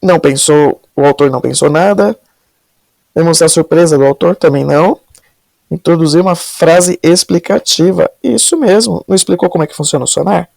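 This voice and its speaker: A woman's voice: low-pitched, a little fast, vocal fry, dark tone, no echo. A woman Portuguese teacher working through exam questions step by step, asking and answering her own questions as she explains.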